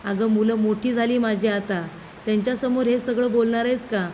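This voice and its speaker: A woman's voice: fairly high pitch, steady tone, moderate pace, mellow, a little hiss or hum, close to an everyday voice, poor audio. A woman reading out the lines of an impatient, scolding middle-aged family man. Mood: irritated. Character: bossy middle-aged male household head.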